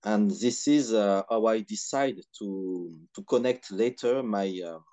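Low-voiced man with a Beninese French accent. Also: dark tone. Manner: measured, hesitant phrasing with frequent pauses. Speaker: podcast guest, historian and activist. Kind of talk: reflective interview answers.

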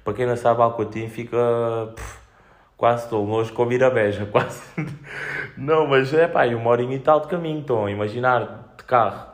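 Speaking a little fast in a mid-range voice, a young podcast host with a European Portuguese accent talks casually by himself. His rambling anecdotes come out slangy, sweary and full of jokes.

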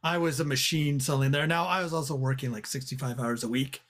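A man's voice: medium pitch, steady tone, fast, a bit bright. A man co-hosting a podcast in a casual comic chat, with a wry, teasing manner. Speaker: podcast co-host.

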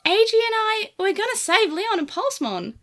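A woman doing a high, hot-headed boy Digimon. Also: very animated, moderate pace, a bit bright, heavily acted. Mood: defiant. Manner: bristling, bitter. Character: hot-headed young male Digimon partner.

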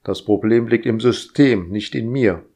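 A man's voice: on the low side, measured pace, dark tone. Man reading as a weary, sarcastic husband. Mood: dry sarcastic. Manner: dry and sarcastic.

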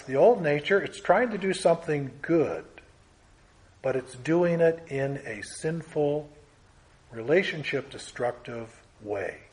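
Male preacher, slightly high voice, emphatic and earnest Bible teaching. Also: a little mellow. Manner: earnest, emphatic, with lists and rising stresses.

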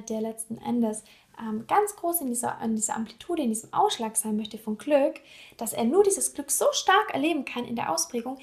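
A woman psychologist speaking earnestly and directly to her listeners in a podcast monologue, sometimes dropping to a soft whisper. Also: on the high side, creaky.

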